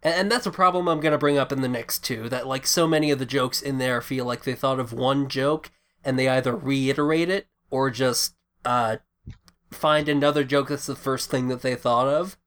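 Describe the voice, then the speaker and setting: A man's voice: medium pitch, normal speed, a bit bright. A man co-hosting a podcast, chatting casually about a film in a rambling way, with frequent restarts. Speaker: podcast co-host.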